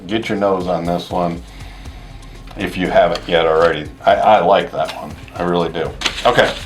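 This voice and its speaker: A man co-hosting a fragrance review, chatting casually and unscripted, as if thinking out loud. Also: low voice, steady tone, normal speed, faint music behind.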